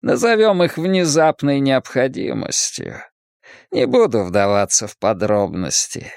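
A man voicing a cold, calculating young male gang leader who speaks slowly and with quiet menace. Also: medium pitch, very animated, creaky, no room sound, studio quality. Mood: coolly menacing. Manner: slow, measured, quietly menacing.

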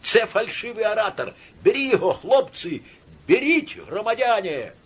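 A man voicing a thin-voiced, frantic male agitator who yells in a shrill, whining way. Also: sing-song, moderate pace, breathy edge, heavily acted. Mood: agitated. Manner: shrill, panicky yelling.

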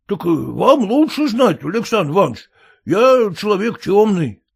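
A man voicing an illiterate, clumsy peasant who pleads in rustic, halting speech with fillers. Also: high-pitched, sing-song, vocal fry, slightly rough, voice pushed up, heavily acted. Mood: pleading.

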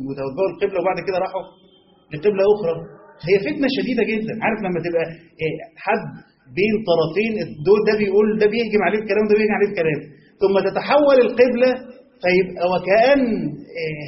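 A man's voice: high voice, reverberant, highs cut off. A man with an Egyptian accent giving a religious lesson on Quran commentary, mixing colloquial and classical Arabic and asking rhetorical questions. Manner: rhetorical questions, stretched emphasis.

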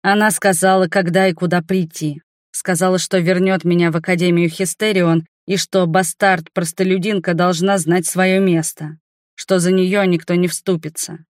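A woman's voice: on the low side, flat delivery, normal speed, no room sound, studio quality, close to an everyday voice. A woman voicing a frightened, beaten young nobleman in an audiobook, pleading and pained. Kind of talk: audiobook character voice.

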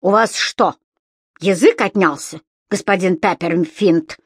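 A woman's voice: on the low side, takes it slowly, slightly rough, dry recording. A woman voicing a bossy, rude landlady who scolds and barks commands. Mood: scolding.

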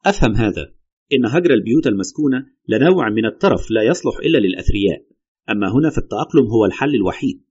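A man playing a shrewd doctor who hears out a haunting case and reasons through it in a measured way, in an audio horror drama. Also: medium pitch, animated, darkish tone, husky, dull audio. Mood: analytical. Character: calm, shrewd male doctor investigating a haunting. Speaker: doctor listening to a patient's story.

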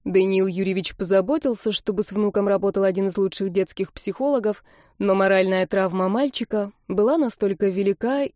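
A woman narrates an audiobook with steady, dramatic storytelling. Her voice is dark and mellow at a middle pitch, recorded close on a studio mic in a dry room. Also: fairly quick, dry recording. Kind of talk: scripted narration.

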